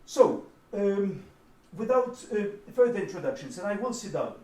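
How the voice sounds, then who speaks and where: A man whose first language is Lithuanian, moderating a roundtable in English, halting, with frequent fillers and restarts. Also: high-pitched, sing-song, dark tone. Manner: hesitant, many fillers and restarts. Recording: roomy hall from far off.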